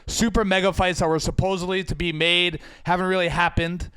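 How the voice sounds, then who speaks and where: Guy cohosting a podcast, smooth clear voice, dry close mic, jokey and sweary. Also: high voice, little pitch movement, brisk, bright, forceful tone, no echo. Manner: joking, profane, self-deprecating. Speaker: podcast co-host. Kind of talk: casual chat.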